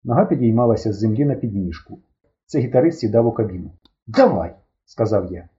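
A man narrating a first-person children's story in an animated, expressive way. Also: lowish voice, fast, lo-fi sound. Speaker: audiobook reader.

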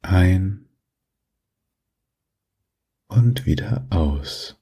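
Man, low breathy voice, mellow, soft, soothing meditation guide, long pauses. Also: lively intonation.

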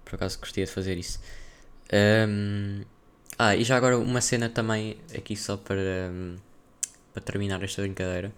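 A man's voice: on the low side, steady tone, normal speed, smooth. A young man with a European Portuguese accent chatting casually on a solo podcast, rambling and slangy as he thinks aloud. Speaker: podcast host.

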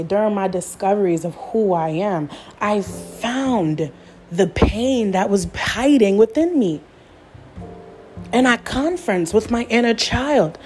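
A woman's voice: fairly high pitch, darkish tone. A young adult woman giving an earnest personal testimony as a spiritual speaker, repeating phrases for emphasis.

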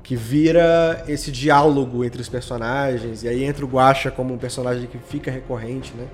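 As a podcast guest, a Brazilian audio drama creator and editor explains his creative work in casual, slangy conversation. He has a steady, mid-range voice and speaks at normal speed, with soft music playing underneath.

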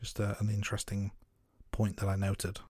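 A man co-hosting a podcast, giving measured, note-by-note commentary on a film. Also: lowish voice, completely flat delivery, darkish tone, breathy edge, dry recording, clean studio sound. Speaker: podcast co-host. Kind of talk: casual film review chat.

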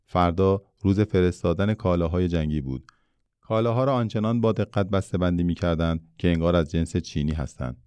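A man narrating a children's storybook aloud in a steady, measured way. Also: low-pitched, smooth, dry recording. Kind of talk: storybook reading.

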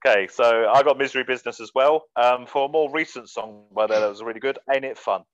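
A man's voice: medium pitch, quick pace. A man hosting a casual music podcast, laughing often and swearing casually. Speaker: podcast host running a music list. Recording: dull muffled sound, dry.

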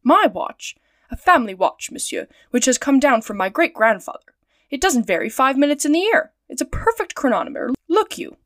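A woman doing an excitable French manservant. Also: normal speed, no echo, clean studio sound, natural voice. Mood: indignant. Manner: exclaiming, chatty, pitch jumping up.

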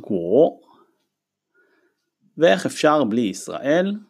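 Male language teacher, gravelly voice, lively pitch, slow careful repeat-after-me delivery. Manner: reads each word slowly, then translates and repeats it. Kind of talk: recorded vocabulary lesson.

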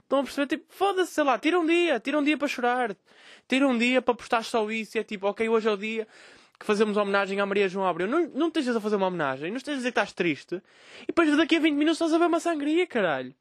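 Speaking extremely fast in an animated, extremely high-pitched voice, a young man with a European Portuguese accent rants on his solo podcast. He swears, stays sarcastic, and mocks others' voices, all in echo-free studio quality.

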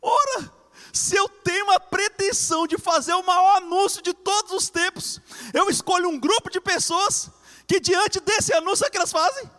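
Preacher dude, high voice, fired up sermon, long echoey hall. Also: male voice, moderate pace. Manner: fervent, swings between loud and hushed.

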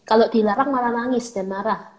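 A woman's voice: fairly high pitch, a little fast, low-quality recording. A woman hosting a casual chat, asking questions conversationally and mixing in English words. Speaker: host. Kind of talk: casual live-stream chat.

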